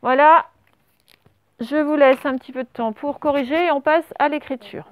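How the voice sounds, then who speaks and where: A woman teaching a primary school class, correcting a dictation and spelling words out letter by letter with patient pauses. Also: high-pitched, no room sound. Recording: dull lo-fi sound.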